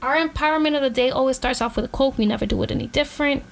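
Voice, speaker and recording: A woman's voice: high voice, rapid-fire, vocal fry, a little hiss or hum. A woman co-hosting a casual podcast chat, talking in a laid-back, slangy way and laughing often. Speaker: co-host.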